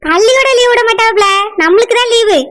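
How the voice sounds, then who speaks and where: A woman's voice: extremely high pitch, fast, heavy background noise. A woman voicing cheeky, scheming village children with a southern Tamil accent and a playful manner. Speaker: cartoon voice artist.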